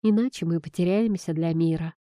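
A husky, possessive young man speaking low and close in an audiobook, as a woman reads him. The voice is mellow and soft-edged, and the recording is dry and close. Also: fairly even intonation, moderate pace, no echo, natural voice. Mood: tender, low. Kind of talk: audiobook character reading.

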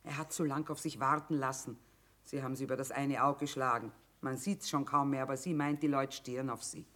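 A woman's voice: rumbling low, fairly even intonation, a little fast, a bit bright. An actress playing a middle-aged, shrewd, blunt mother who trades in wartime, in earthy speech for a radio drama. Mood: wry, troubled. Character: hard-bitten, shrewd, sharp-tongued mother trading in wartime. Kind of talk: German stage-style radio drama acting.

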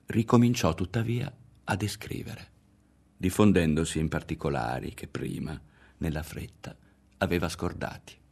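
Male audiobook reader, very low voice, husky, measured literary narration, close mic. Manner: measured, quietly dramatic narration. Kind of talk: literary novel reading.

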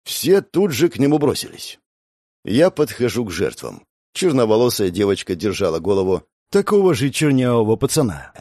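Expressive husky male audiobook narrator. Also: mid-range voice, normal speed, no echo, studio quality. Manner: expressive, wry storytelling. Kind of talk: first-person audiobook narration. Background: faint background music.

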